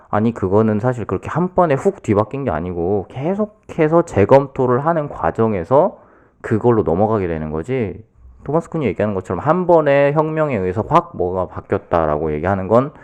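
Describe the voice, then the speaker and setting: A man co-hosting a podcast, talking quietly and explaining a book at length in casual chat, with many fillers. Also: mid-range voice. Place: podcast studio.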